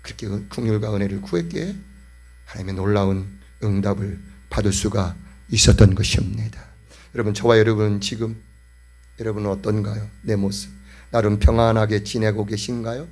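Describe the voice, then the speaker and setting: A man's voice: lowish voice, steady tone, normal speed, a little mellow, husky, faint music behind. A male pastor preaching a sermon with impassioned, emphatic repetition.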